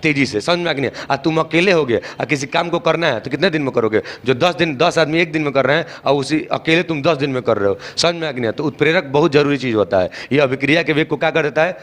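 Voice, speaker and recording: A man's voice: on the high side, fast, hardly any pauses, fairly bright tone. A man teaching chemistry in a call-and-response style, often asking a question and answering it himself and checking whether students understood. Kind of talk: call-and-response classroom lecture.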